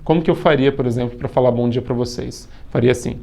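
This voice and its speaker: A man's voice: mid-range voice, quick pace, creaky, dark tone. A young man with a Brazilian Portuguese accent, teaching a video course and explaining step by step in a casual way. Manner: talks it through step by step, with restarts.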